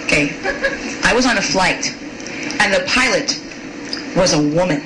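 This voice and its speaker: A woman's voice: lowish voice, animated, measured pace. A woman performing a stand-up comedy set, playful and teasing the audience, acting out little voices. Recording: echoey live club recording with loud crowd noise.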